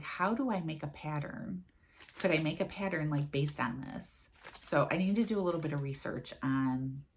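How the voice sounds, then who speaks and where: A woman's voice: deep voice, a little hiss or hum. An American woman chatting casually about her cross-stitch project, rambling and dropping lots of fillers. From United States. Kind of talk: casual chat.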